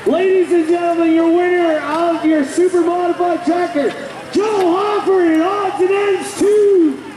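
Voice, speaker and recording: A man's voice: very high-pitched, steady tone, measured pace. A man working as a tractor pull announcer, calling out to the crowd in a showy way at a live event. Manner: showy, calls out winners to the crowd. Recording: roomy distant PA, crowd and engine noise.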